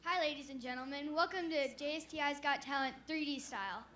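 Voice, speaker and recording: A young woman from Nevada acting as host of a talent show in a student skit, announcing briskly. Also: high voice, pushed and bright, a little hiss or hum.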